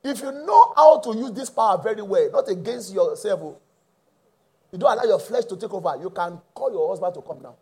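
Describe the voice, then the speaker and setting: A middle-aged man preaching a sermon, using call-and-response and bursting into shouts. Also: high voice, animated, fairly quick, slightly rough. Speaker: pastor.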